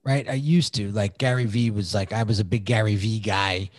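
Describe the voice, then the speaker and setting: A man talking as a podcast guest, telling his own story in an animated, excitable way. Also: fairly low pitch, moderate pace, no echo, studio quality, soft background music. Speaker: podcast guest, design agency founder. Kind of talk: casual storytelling interview.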